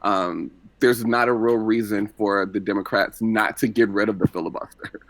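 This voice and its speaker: Low-voiced man arguing his point steadily. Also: fairly even intonation. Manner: deliberate, argues through metaphor. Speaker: podcast panelist. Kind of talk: casual political podcast chat.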